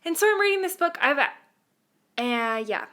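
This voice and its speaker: Bright-voiced woman telling a spooky story. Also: high-pitched, a little slow. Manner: animated, laughs often, drops to a hush for tense moments. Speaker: podcast co-host. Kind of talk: casual storytelling chat.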